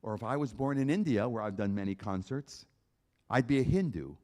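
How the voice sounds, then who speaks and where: A man's voice: medium pitch, animated, a little fast, a little mellow. A man, a concert pianist, giving an emphatic evangelistic talk at a church concert, appealing directly to his listeners with repeated phrases.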